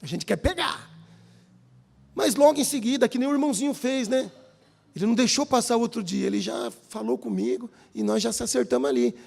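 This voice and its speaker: A man's voice: very high-pitched, a little fast, vocal fry. A man with a Brazilian Portuguese accent preaching a sermon in a church hall, telling stories and often addressing the audience as brothers. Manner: lively, keeps calling the audience brothers. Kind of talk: sermon with personal storytelling.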